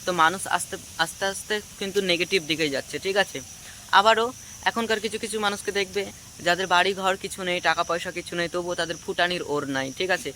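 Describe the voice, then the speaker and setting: A man giving a moralizing vlog monologue, lecturing viewers and often checking in with a quick "all right?". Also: high voice, fairly even intonation, sharp tone, a little hiss or hum. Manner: preachy, keeps asking "ঠিক আছে?". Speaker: vlogger.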